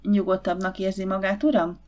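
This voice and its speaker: A woman voicing a young, eager, obliging and tender woman in an audiobook, speaking softly and earnestly. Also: mid-range voice, little pitch movement, close to an everyday voice.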